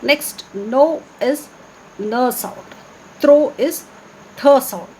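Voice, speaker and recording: A woman primary teacher speaks slowly in a fairly high voice. She explains simply to young children, asking questions and repeating herself. There is noticeable noise in the recording. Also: a little mellow, low-quality recording. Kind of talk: children's online class lesson.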